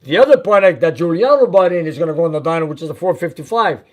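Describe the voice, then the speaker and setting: Host: Canadian man, mechanic, high-pitched, plain-spoken, answers viewer questions in a casual live chat from his shop. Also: expressive, rapid-fire. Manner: reads viewer comments and answers them plainly. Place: car repair shop.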